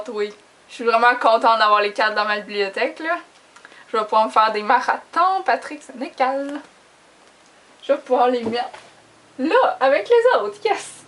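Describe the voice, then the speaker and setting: With a slightly high, fairly bright voice and a Quebec French accent, a young adult woman chats informally to camera about books. Her manner is giggly and self-deprecating.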